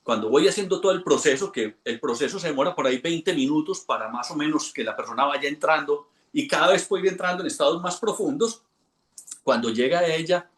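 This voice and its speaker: A man, an instructor telling a lively anecdote to a class and acting out the voices in it. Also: a little high, a little fast, reverberant. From Colombia. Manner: animated storyteller, acts out quoted voices. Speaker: hypnosis instructor.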